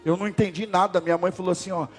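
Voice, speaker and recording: A man's voice: steady tone, racing, soft background music. Brazilian man preaching a testimony sermon. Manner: storytelling preacher, swells loud and high at climaxes. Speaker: pastor.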